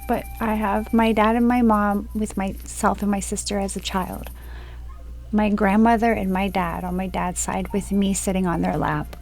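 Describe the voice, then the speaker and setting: A woman in her forties from Florida telling a personal story from home in a slow, rambling monologue that drifts onto tangents. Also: mid-range voice, gravelly, a little mellow. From Florida, USA. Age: 40s. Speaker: spiritual video creator. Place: at home, indoors.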